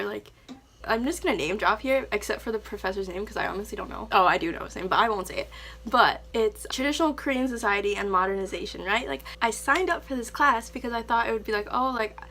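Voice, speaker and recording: Young american girl ranting casually, kinda high voice, fed up and emphatic, says like a lot, noisy hum in the background. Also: a bit bright. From United States. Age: young adult. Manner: exasperated, emphatic, conversational with frequent 'like'. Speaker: vlogger, exchange student. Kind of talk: casual rant to camera.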